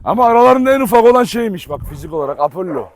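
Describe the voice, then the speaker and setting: A man's voice: high-pitched, very animated, racing, dry recording. A man vlogging outdoors by a pool, coaxing, teasing and scolding his dogs while chatting to viewers. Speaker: dog owner vlogger. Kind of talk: casual vlog talk to dogs and viewers.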